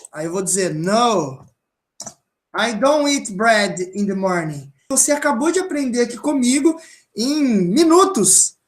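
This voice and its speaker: A Brazilian woman with a Brazilian Portuguese accent teaches a beginner English lesson, her voice pitched a little high. She talks slowly and patiently and repeats each model sentence. The room gives her voice a clear echo. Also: darkish tone.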